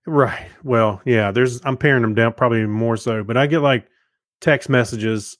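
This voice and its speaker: A middle-aged man co-hosts a podcast in a casual chat, speaking at a moderate pace in a medium-pitched voice. He rambles through his points and quotes his own thoughts. The sound is close and dry, with no echo.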